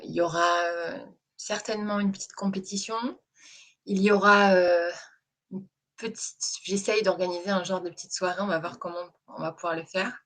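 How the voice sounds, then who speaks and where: Subdued French-speaking woman host. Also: fairly low pitch. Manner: hesitant, many fillers, soft and subdued. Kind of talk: casual live-stream chat.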